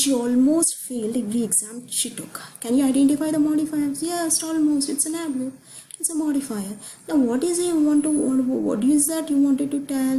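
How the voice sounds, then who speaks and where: A woman's voice: medium pitch, mellow, slight background noise, rough recording. A woman teaching a grammar lesson, explaining step by step and asking the class questions as she goes. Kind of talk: grammar lecture.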